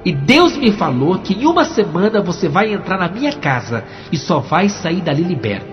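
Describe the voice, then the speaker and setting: A man's voice: sits high, sing-song, normal speed. Brief: motherly old church lady, voiced by a man, Brazilian Portuguese accent, echoey hall. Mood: kindly. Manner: gentle and motherly. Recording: echoey hall, dull lo-fi sound, faint music.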